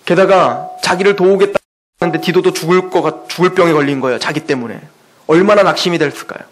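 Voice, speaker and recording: A male pastor delivering an impassioned sermon, swinging between loud urgent lines and quiet, earnest ones. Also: sits high, poor audio.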